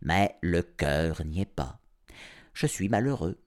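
A man reading an audiobook aloud, narrating as a grumpy cat in a sardonic, animated first-person voice. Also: deep voice, slow. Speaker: storyteller.

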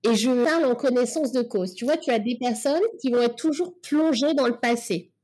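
A woman's voice: fairly high pitch, moderate pace, darkish tone. A woman in casual podcast conversation, talking in a reflective, coaching way with many fillers and restarts.

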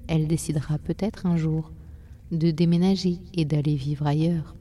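A woman voicing Time, an old being living inside a stone, speaking softly, deeply and slowly. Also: slight background noise, natural voice. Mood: calm, slow. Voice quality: soft and deep. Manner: slow, calm, unhurried.

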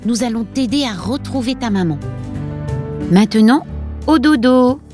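A woman voicing a small, gentle male Christmas elf in a children's storybook reading, kind and reassuring. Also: a little high, lively intonation, measured pace, faint music behind, voice pushed up.

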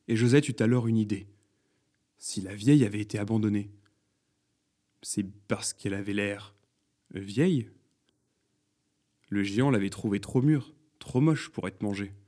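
A man reading a children's story aloud, with expressive, dramatic narration. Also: lowish voice.

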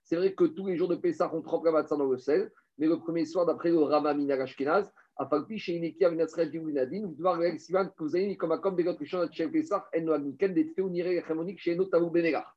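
A man's voice: a little high, fast, hardly any pauses. French-speaking man teaching a Torah lesson. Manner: lively, rhetorical questions, addresses listeners as Rabotai. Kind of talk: Talmudic lesson mixing French and Hebrew. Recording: dull lo-fi recording.

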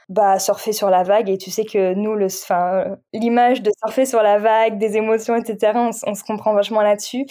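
A woman's voice: medium pitch, mellow. A woman guest on a podcast, talking frankly and reflectively in a casual conversation, often restarting her sentences.

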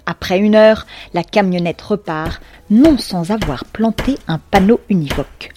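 In a mid-range, unhurried voice over some background noise, a woman narrates a scripted second-person story. She slips in wry, ironic asides and a bit of slang.

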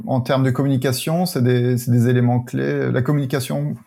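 Mellow gravelly man explaining his work. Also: mid-range voice, a little fast. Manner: explains calmly, with hesitations. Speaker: wedding photographer guest. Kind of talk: casual interview chat.

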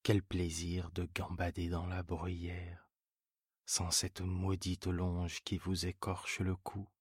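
A man voicing a stubborn young female goat who longs for freedom and answers quietly and politely, in a bedtime story reading. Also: low-pitched, completely flat delivery, slow pace, husky, no room sound, clean studio sound, exaggerated voice. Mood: stubborn, yearning.

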